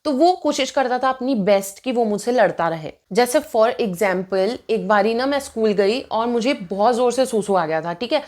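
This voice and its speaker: A young woman in her twenties, sitting down to tell a personal story in a loose, chatty way. Her voice sits a little high, and she jumps between Hindi and English mid-sentence, sounding lively and indignant as she goes. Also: moderate pace, hardly any pauses. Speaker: vlogger telling a personal story. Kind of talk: casual storytime narration.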